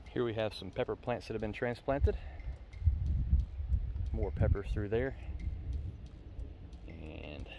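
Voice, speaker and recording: Walking viewers around his windy farm, a farmer-vlogger speaks matter-of-factly and folksily into a handheld phone, its microphone covered by a glove against the wind. His fairly low voice is gravelly and expressive, slow, with frequent pauses.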